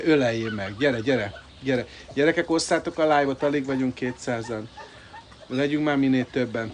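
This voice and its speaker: A man hosting a casual live stream outdoors at a bird park, coaxing his pet bird and chatting to viewers. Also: a little high. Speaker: livestreamer. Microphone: phone live stream. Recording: outdoor noise with bird calls. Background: birds and fowl calling.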